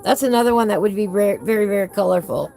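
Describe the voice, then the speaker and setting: A woman's voice: medium pitch, fast, creaky, darkish tone, soft background music. Woman with whistling S sounds. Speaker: host of a coloring book channel. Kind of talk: casual live chat while flipping through a book.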